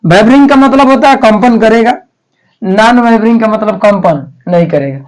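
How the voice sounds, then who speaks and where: A man's voice: high-pitched, normal speed, rough recording. A man teaching a grammar lesson for exam prep in a chatty, repetitive way, asking and answering his own questions. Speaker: Hindi teacher.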